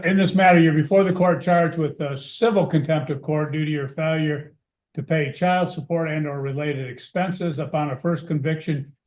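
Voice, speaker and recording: A man's voice: a little high, darkish tone. A man speaking as a judge in formal court proceedings, putting questions in procedural, formulaic wording, with a roomy echo. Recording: roomy, echoing sound.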